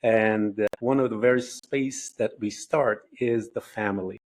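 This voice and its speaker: A man hosting an inspirational podcast interview, earnest and preachy, speaking slowly and deliberately. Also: fairly low pitch, steady tone, poor audio. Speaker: podcast host.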